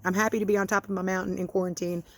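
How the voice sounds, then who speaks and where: A woman's voice: medium pitch, flat delivery, very fast, dry recording. A woman venting in a casual vlog about home-schooling her child, exasperated and self-mocking, swearing freely as she talks from her porch. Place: outdoors on a porch.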